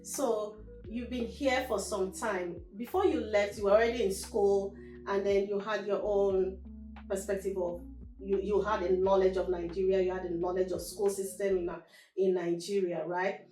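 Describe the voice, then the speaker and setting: A woman's voice: medium pitch, steady tone, normal speed, dark tone. A woman hosting a talk show with teenagers, asking encouraging, chatty questions. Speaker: host. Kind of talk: interview questions. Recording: roomy, distant mic, faint music.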